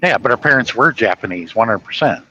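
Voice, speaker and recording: A man's voice: medium pitch, lively intonation, fast, muffled recording, noisy background. A man hosting a podcast, telling stories and insisting on his point in a rambling casual chat. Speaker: podcast host.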